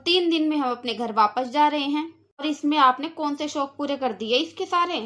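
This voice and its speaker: A woman voicing a hurt, gentle mother. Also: high voice, moderate pace. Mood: defensive. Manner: soft, wounded. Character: hurt, gentle mother defending her daughter. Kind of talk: cartoon voice acting.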